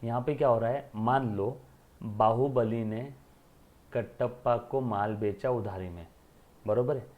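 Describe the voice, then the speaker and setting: Commerce teacher guy lecturing, keeps asking clear? and answering himself. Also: medium pitch, measured pace, narrow, tinny audio. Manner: repeats questions and answers them himself, calls students beta. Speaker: accounting teacher. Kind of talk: classroom lecture.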